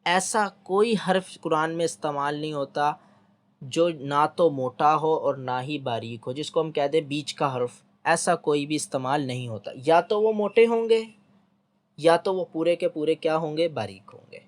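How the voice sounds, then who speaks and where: A patient man gives a recorded lesson on reading letters, spelling out each sound clearly and repeating himself often. He keeps pausing to check that his listeners are following along. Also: a little high. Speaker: Quran reading teacher.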